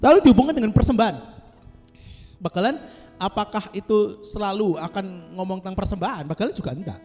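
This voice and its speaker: A man's voice: sits high, a little fast, warm tone, long reverb tail, soft background music. A male pastor, giving a casual, joking devotional talk to a small group over a video call. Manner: joking, chatty, self-mocking.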